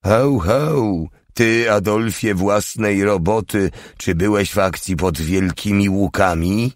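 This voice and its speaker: A man's voice: lowish voice, slow, dry recording, pitched above the performer's own voice. A man reading the lines of a crude, short-tempered soldier who mocks and swears at his comrades. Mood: mocking, angry. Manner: coarse, mocking, swearing.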